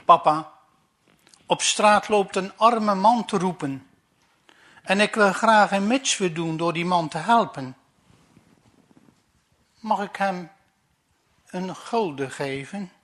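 A man's voice: high voice, takes it slowly, long pauses, fairly bright tone. A man doing an eager, breathless little boy.

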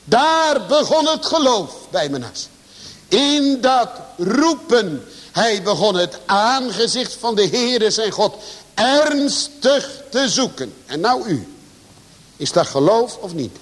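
A man preaches a sermon in a high, slow and deliberate voice. He drives his points home with sudden rises and drops in pitch and loudness. The recording carries a long reverb from a church. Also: big pitch swings. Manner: preaching with emphatic swings in pitch and volume. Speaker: pastor.

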